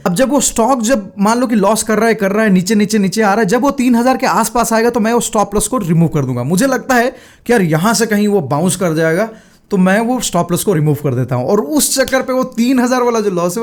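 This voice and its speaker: A man in his thirties with a high voice talks casually to his viewers. His speech is chatty and loose, slipping English words in and pausing on repeated fillers. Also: a little mellow. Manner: chatty, Hindi-English mix, frequent fillers. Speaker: day trader sharing his mistakes. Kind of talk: casual talk to camera.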